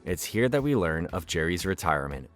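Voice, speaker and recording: A man's voice: low-pitched, big pitch swings, a little fast, fairly bright tone. A man delivering scripted narration as a recap storyteller, with the occasional wry aside. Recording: music bed behind voice.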